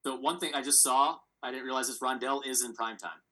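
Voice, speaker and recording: A man with a bright, forceful voice chats casually as a podcast co-host. He talks through his analysis aloud, rambling and circling back. His pitch sits in the middle. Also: fairly quick, rough recording. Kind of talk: casual sports chat.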